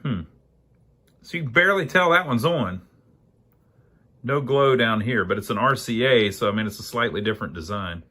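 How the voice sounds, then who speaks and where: Medium-pitched and pushed, with a bright edge, a man narrates at a moderate pace broken by long pauses. He runs an amateur electronics repair channel and speaks in a relaxed, folksy way, musing aloud as he repairs.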